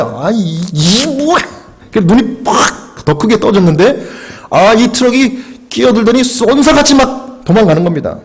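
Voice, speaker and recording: A middle-aged man, a pastor, telling a story in a sermon, acting out his own prayers and shouts on his English lines. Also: high voice, slightly rough.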